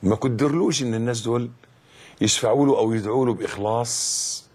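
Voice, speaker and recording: A middle-aged man with an Egyptian Arabic accent giving a religious lesson as a preacher, emphatic and dramatic, dropping to a hush and then rising loud. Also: mid-range voice, brisk, breathy edge. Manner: emphatic, dramatic swings between hushed and loud.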